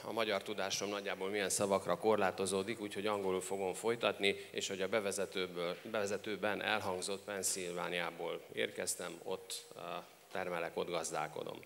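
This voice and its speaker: A man working as a live consecutive interpreter, with a halting delivery. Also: deep voice, level tone, vocal fry, a bit bright. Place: large reverberant hall. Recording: echoey hall with background noise.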